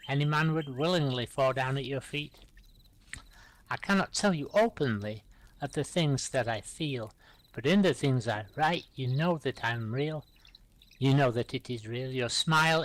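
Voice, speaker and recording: A middle-aged man hosting a live-streamed poetry reading, reciting his own rhyming poems aloud and calmly inviting the next reader between them. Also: medium pitch.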